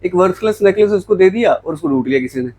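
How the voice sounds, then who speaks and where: High-voiced man teaching English vocabulary. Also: lively intonation, fast, dark tone, low-quality recording. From Jammu, India. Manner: explains in Hindi mixed with English, asks and answers his own questions. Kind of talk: classroom lecture.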